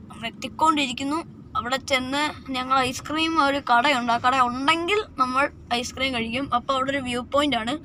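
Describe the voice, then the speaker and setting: A woman's voice: sits high, a little hiss or hum. A woman with a Kerala accent chatting casually as a travel vlog host, mixing English words into her Malayalam. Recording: loud guitar music over voice.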